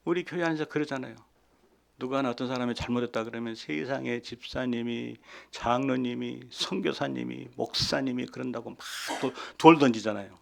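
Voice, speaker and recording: A man in his fifties, a pastor delivering a sermon, moving between hushed asides and loud, emphatic preaching. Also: mid-range voice, fairly quick, gravelly. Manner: acts out quoted lines softly.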